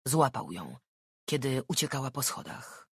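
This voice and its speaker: An audiobook narrator reading a thriller in a measured, even storytelling voice. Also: medium pitch, husky, no room sound, clean studio sound.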